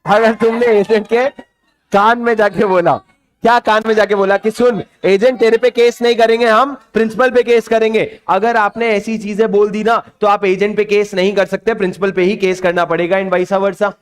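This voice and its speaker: A man's voice: high voice, level tone, moderate pace. A man with an Indian English accent teaching an exam revision lecture, coaxing students and repeating questions to them.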